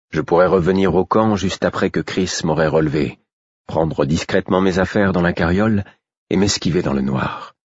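A man with a very deep, husky voice narrates a novel in the first person, measured and low-key. The sound is dry and close, with no room around it. The recording is slightly muffled. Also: no echo. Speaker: audiobook narrator.

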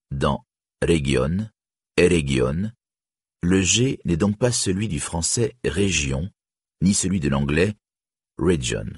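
A man reading an audiobook pronunciation guide with careful, deliberate enunciation, on a close studio mic. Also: deep voice, husky, no room sound. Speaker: audiobook narrator.

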